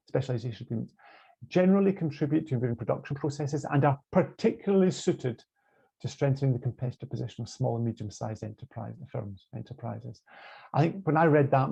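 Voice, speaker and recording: A man's voice: medium pitch, creaky, mellow, slightly rough. A man with a Scottish accent giving an online lecture on law, hesitant, with many fillers and restarts, heard over a muffled video call.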